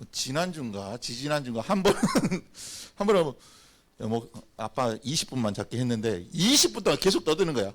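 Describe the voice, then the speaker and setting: A man pastor giving a lively, playful children's sermon and having the children repeat after him. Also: mid-range voice. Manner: animated, playful, acts out little scenes.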